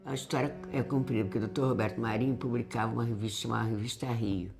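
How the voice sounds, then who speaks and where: Low, gravelly woman reminiscing. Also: steady tone, over music. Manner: halting, restarts often. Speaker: interviewee. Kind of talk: reminiscing interview.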